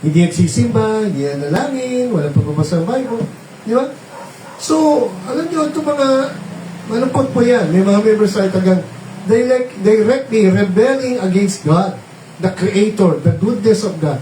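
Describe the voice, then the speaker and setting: A man's voice: high-pitched, expressive, moderate pace, noisy background. A man preaching a sermon, switching between Tagalog and English and often checking in with his listeners through tag questions. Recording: roomy, distant mic, faint ambience.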